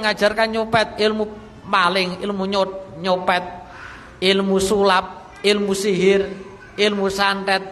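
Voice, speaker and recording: Teacher, high clear voice, explains a mosque lesson slowly and repeats key phrases, long hall reverb. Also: male voice, pushed and bright, slight background noise. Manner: recites Arabic text then explains it plainly, repeating phrases. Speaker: Islamic teacher. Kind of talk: mosque study lecture.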